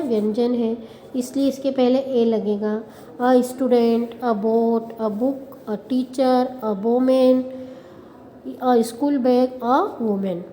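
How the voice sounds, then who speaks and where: Slow high-voiced woman teacher. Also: dark tone. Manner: slow, explaining, asks rhetorical questions and answers them. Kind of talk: classroom grammar lesson. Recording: reverberant room, faint background noise.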